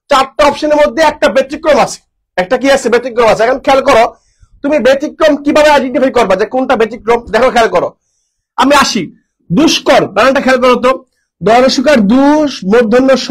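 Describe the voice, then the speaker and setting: A young male tutor with a very high voice runs an exam-prep lesson at a brisk clip. He asks his own questions, answers them at once and repeats each key word several times. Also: rough recording. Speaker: teacher.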